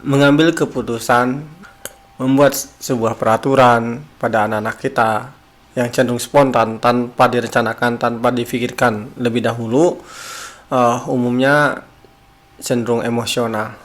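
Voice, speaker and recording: Man calmly lecturing on parenting. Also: mid-range voice, measured pace. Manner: calm, explanatory, with rhetorical questions. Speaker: parenting speaker.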